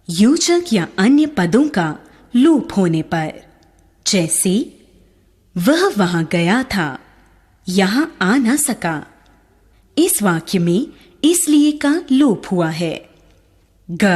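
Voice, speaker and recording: A woman reading a grammar lesson aloud slowly and deliberately, one clause at a time, like a teacher dictating. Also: mid-range voice, breathy edge.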